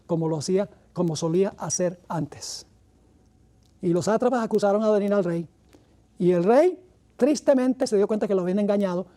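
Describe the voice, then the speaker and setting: A man, a pastor, giving a sermon-style Bible lecture, reading scripture aloud and stressing key words slowly. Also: high voice, dark tone. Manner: mentions rushing through much material.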